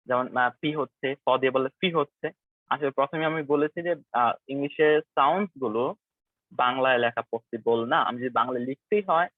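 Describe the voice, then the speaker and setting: A man leading a live online pronunciation lesson, drilling words slowly and repeating them, with English phrases mixed in. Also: on the high side, no room sound. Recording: tinny, dry online call audio.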